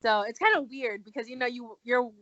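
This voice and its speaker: A woman's voice: a little high, fairly quick, dry recording. A young adult woman telling a personal story in casual talk as a guest, acting out the lines she quotes. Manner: animated, acts out quoted dialogue. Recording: dull lo-fi recording.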